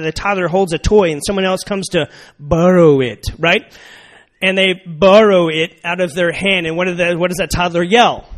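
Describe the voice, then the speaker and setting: A young man preaches in a relaxed, conversational sermon and keeps checking in with his listeners. His voice sits a little higher than most men's. He repeats his main points for emphasis and talks to the room like a friend. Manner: conversational, repeats key phrases, asks the audience "right?". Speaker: pastor.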